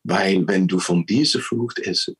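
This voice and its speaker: A sly serpent tempting from a tree, put on by a preacher in a lowered, husky voice. It speaks slowly and insinuatingly, with a hushed, quiet tone. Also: male voice. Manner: smooth, insinuating.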